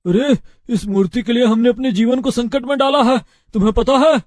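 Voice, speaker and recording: A man voicing a greedy, menacing thief in an animated story, loud and boastful. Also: high voice, normal speed, no echo, studio quality. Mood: threatening.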